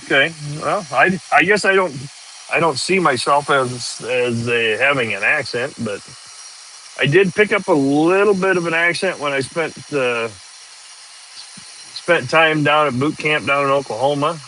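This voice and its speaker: A man's voice: on the high side, expressive, a little slow, pushed and bright, slight background noise, poor audio. A man, chatting casually and rambling on a live stream from a tractor cab, laughing easily. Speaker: farm worker livestreaming.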